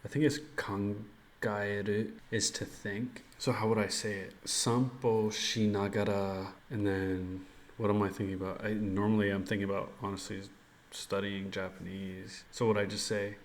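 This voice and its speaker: A man practising Japanese as a learner, thinking aloud and speaking haltingly when he tries the language. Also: on the low side, flat delivery.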